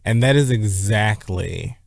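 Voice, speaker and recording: A man's voice: on the low side, animated, slow, creaky, no echo. A man co-hosting a podcast, chatting in a playful, campy way and swearing freely. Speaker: podcast co-host. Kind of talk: casual chat and ad read.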